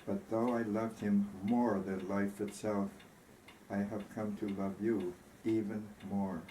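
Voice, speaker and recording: A man reading as a slow-speaking, grieving woman. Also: fairly low pitch, level tone, warm tone. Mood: tender, wistful. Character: tender, grieving woman recalling her lost love. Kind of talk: storybook reading. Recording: roomy echo, faint background noise.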